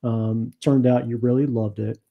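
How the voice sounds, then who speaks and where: A man hosting an interview over a video call, asking questions in a halting way with many fillers. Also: medium pitch, steady tone, phone-quality sound. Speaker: show host.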